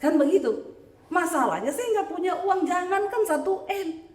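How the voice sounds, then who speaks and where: High-voiced woman preaching in echoey hall. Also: moderate pace. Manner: animated, joking with the congregation. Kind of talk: sermon with personal testimony. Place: church hall in Sydney.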